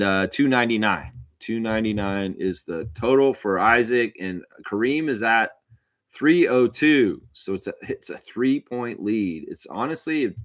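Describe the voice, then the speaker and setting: Hosting a basketball watchalong livestream, a man with a low but fairly bright voice calls the plays as an amateur commentator and chats casually with viewers. He talks like an opinionated fan, and the audio is close, dry and free of echo.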